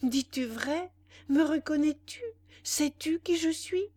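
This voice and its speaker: A woman's voice: medium pitch, slow, creaky, husky, no room sound, heavily acted. A woman voicing a desperate, passionate young man, pleading frantically. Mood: frantic. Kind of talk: audiobook dialogue reading.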